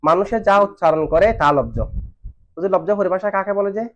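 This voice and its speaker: Male teacher, quick and slightly high, drilling students with questions; lo-fi recording. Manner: asks questions and has students answer back. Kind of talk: classroom lesson on Arabic grammar. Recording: dull lo-fi recording.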